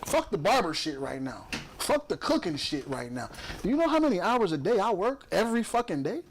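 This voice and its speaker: A man's voice: high-pitched, sing-song, a little fast, a little hiss or hum. A man hosting a podcast, ranting in a casual, profane and emphatic way. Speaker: podcast host; truck driver.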